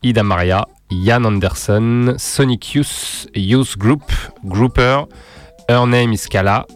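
A man co-hosting a radio music show, listing bands and giving his opinions, with many hesitant pauses. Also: medium pitch. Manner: hesitant, many "euh" pauses, laughs easily. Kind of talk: casual radio chat presenting music.

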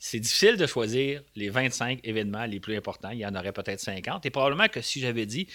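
A man's voice: medium pitch, animated, fast, sharp tone. An older man with a Quebec French accent, chatting and explaining casually as an expert co-host. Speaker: co-host, space history expert. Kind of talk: casual explanatory radio chat.

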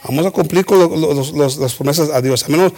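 A man's voice: fairly quick, darkish tone. A man preaching a bilingual sermon with many restarts, rising to emphatic exhortation. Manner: preaching with frequent restarts and "hermanos"; rises to emphatic high-pitched exhortation.

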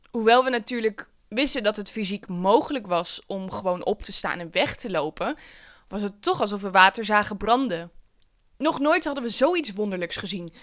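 A woman who now works as a teacher, telling a personal story in a wry, lively, self-mocking way. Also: mid-range voice.

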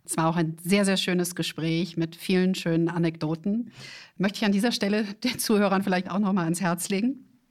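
Female podcast host. Slightly low voice, poised and articulate. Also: steady tone, a little fast. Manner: composed, articulate questioning. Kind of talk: conversational interview.

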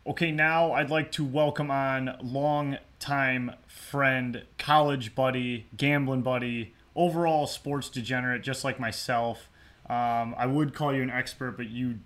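Young guy hosting a sports pod in his garage, bright punchy voice, swears a lot, pokes fun at himself. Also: medium pitch. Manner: loose, profane, self-mocking. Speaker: podcast host. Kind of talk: casual sports podcast chat. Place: hot home garage.

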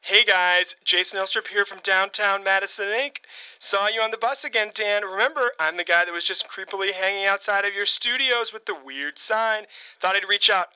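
A man's voice: high voice, sharp tone, clean tone, no room sound, rough recording. A man voicing an overeager, pushy local booster who leaves rambling, pleading voicemail messages in a comedy sketch. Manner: rambling, pleading, awkwardly persistent. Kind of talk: leaving a string of voicemail messages.

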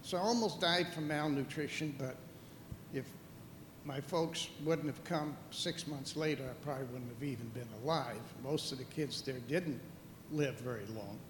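An older man from the Netherlands, a guest telling his life story calmly and reflectively on stage. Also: mid-range voice, normal speed. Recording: echoey hall with long reverb, faint noise.

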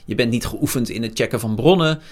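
A man in his forties, a news journalist, talking frankly and reflectively in an interview, often pausing with hesitations. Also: medium pitch. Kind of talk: candid interview conversation.

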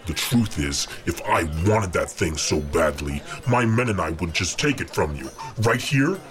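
An actor playing a mocking, menacing Satan, lord of the underworld, with taunting theatrical delivery in an audio drama. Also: male voice, sits low, animated, a little slow, a bit bright, faint music behind.

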